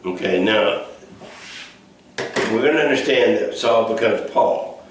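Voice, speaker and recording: A man leads a casual Bible study, talking in a folksy, meandering way with lots of fillers. His voice sits a little low. It is picked up from a distance in a very echoey room with a faint hiss behind it. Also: measured pace. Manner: folksy, rambling, with many fillers and restarts. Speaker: pastor leading a Bible study. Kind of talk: casual teaching.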